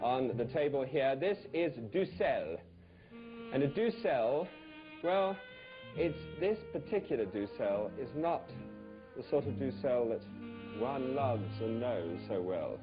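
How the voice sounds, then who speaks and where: A man's voice: mid-range voice, expressive, takes it slowly, muffled recording, music in the background. A man hosting a TV cooking show in front of a live studio audience, joking and teasing the audience as he talks. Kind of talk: comic cooking show monologue.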